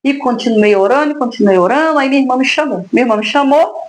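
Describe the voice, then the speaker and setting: A woman's voice: high voice, fast talker, rough recording. A woman from Brazil, a mother giving an emotional faith testimony, talking fervently and praying aloud, moved close to tears. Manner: fervent, addresses listeners as brothers, prays aloud.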